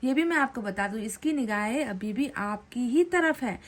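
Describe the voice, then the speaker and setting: A woman's voice: fairly high pitch, lively intonation, normal speed. A woman giving a pick-a-card tarot reading to her viewers. She talks in an earnest, chatty way, often ends phrases with a tag question, and repeats her points in new words.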